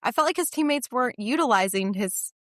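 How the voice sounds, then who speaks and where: A woman's voice: fairly high pitch, expressive, fairly quick, fairly bright tone, dry recording. Enthusiastic woman podcast co-host, dry sound. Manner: enthusiastic, reacts with short remarks. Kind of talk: casual sports chat.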